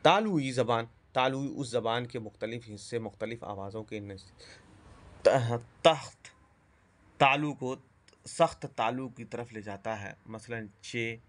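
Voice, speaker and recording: A man giving a spoken lesson on speech sounds, pausing often, correcting himself and dropping in English terms. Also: mid-range voice, a bit bright. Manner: halting, self-correcting, mixes English terms. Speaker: teacher. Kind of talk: spoken lecture on phonetics.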